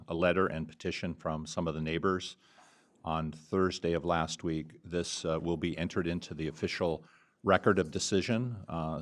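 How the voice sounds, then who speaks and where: A man county official making a formal announcement to the board, deliberate and full of fillers. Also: low voice.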